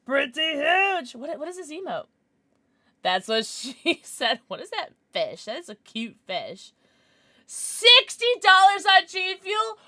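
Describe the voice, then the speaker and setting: A woman livestreamer chatting casually with her viewers in a playful, giggly, excitable manner. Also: high-pitched, a little slow, no echo, studio quality. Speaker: live streamer, host.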